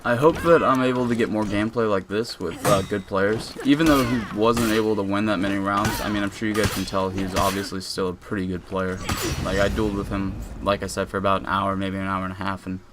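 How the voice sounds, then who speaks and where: A man's voice: fairly low pitch, fairly even intonation, brisk, hardly any pauses, noisy background. A young man rambling casually through a voice-over commentary on his own game footage, with lots of fillers and restarts. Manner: rambling and laid-back, with many fillers and restarts.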